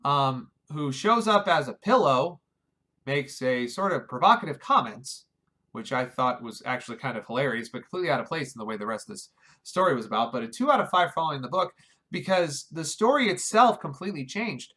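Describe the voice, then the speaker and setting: A man's voice: medium pitch, expressive, fairly quick, pushed and bright. A man giving a casual video review of a film, wry and exasperated, often restarting his sentences. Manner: wry, exasperated, talks over himself with restarts.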